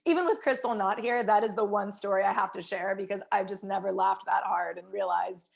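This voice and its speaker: A woman's voice: mid-range voice, fairly quick, gravelly. Enthusiastic woman hosting a podcast. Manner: enthusiastic, upbeat, full of shout-outs. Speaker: podcast host. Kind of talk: casual podcast interview.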